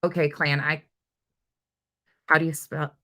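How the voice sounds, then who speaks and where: Sitting low and level in tone, this woman's voice is pushed and bright, and she speaks a little slowly. In her casual live chat she reads viewer comments aloud and replies, moving informally from one to another.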